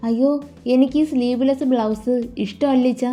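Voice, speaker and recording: A bashful young bride who pouts and protests softly, played by a woman narrator. The voice is fairly high and mellow, with faint music underneath. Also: steady tone, moderate pace, close to an everyday voice. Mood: shy, pouting. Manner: pouting, bashful. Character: shy, playful young bride.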